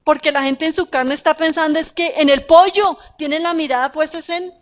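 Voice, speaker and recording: A woman preaching a sermon, talking in an animated way with rhetorical questions and emphatic repeats. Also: high-pitched, a little fast.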